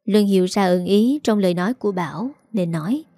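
Mellow-voiced woman reading a story. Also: mid-range voice, brisk, no echo, clean studio sound. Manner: reads all characters in one even voice. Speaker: narrator. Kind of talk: storytelling narration.

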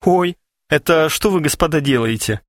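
A man reading an audiobook, voicing a flippant young woman who is down on her luck and talks in a brisk, plainspoken way. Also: fairly high pitch, expressive, no echo, studio quality, voice pushed up, natural voice. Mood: pert.

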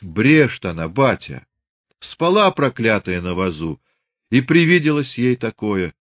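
A man's voice: fairly low pitch, big pitch swings, measured pace, no room sound. A man voicing a puzzled, cautious young Cossack man who protests in bewilderment, in a dry recording. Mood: bewildered.

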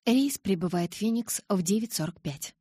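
A woman voicing a gentle young woman friend who delivers news briskly in an audiobook. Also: medium pitch, lively intonation, breathy edge, dry recording, studio quality, pitched above the performer's own voice. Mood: matter-of-fact. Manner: quick, matter-of-fact. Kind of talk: audiobook character voice.

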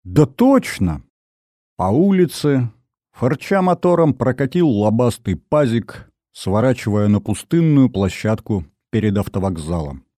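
A male narrator reads a first-person story with a wry, expressive delivery, his pitch moving freely. His tone is mellow and dark, recorded dry and close with no room sound. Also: a little slow, dry recording. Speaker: audiobook narrator.

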